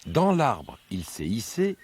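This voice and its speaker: A man reading a rhyming children's story aloud with a slow, sing-song delivery. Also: fairly low pitch, wildly swooping pitch, darkish tone, slightly rough.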